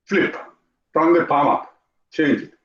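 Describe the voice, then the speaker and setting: A man with an Indian English accent, teaching an online yoga class, talking in an animated way, repeating phrases and asking his students questions. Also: on the high side, slow. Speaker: yoga instructor. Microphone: video call. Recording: roomy, dull lo-fi video call audio.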